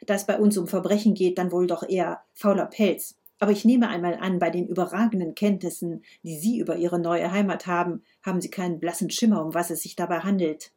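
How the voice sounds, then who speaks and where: A woman's voice: on the low side, steady tone, brisk, few pauses, dark tone, breathy edge. A woman voicing a brusque, sarcastic older woman, a grandmother, while reading a novel aloud. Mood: scornful. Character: grumpy sharp-tongued older woman, a grandmother, reckless driver.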